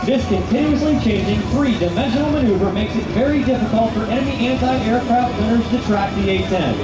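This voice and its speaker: Male airshow commentator, formal scripted announcing, heard distant and echoing over a loudspeaker. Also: high voice. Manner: formal, measured announcer delivery. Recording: echoing distant PA with loud music.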